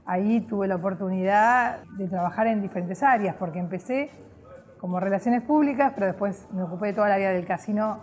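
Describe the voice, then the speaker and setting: A woman's voice: medium pitch, fairly quick, darkish tone. A middle-aged woman from Argentina with an Argentine accent, cheerfully recounting her career in a chatty way, seated in a hotel lobby. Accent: Argentine Spanish. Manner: cheerful, chatty, with many fillers. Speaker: guest, public relations professional. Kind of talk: personal storytelling to camera.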